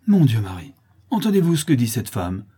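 A man's voice: lowish voice, normal speed, dark tone, husky. A man voicing a proud farm mistress and mother, exclaiming in indignation, for a storybook reading. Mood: alarmed.

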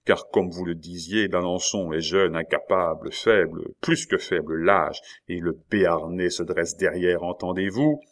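A man's voice: deep voice, fairly even intonation, measured pace, few pauses. A man voicing a cold, scheming queen mother. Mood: reproachful.

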